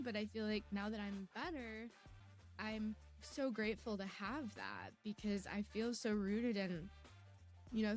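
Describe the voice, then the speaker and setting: A woman's voice: mid-range voice, darkish tone. A woman telling her personal story in conversation as a podcast guest, candid and introspective. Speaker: podcast guest, health marketer.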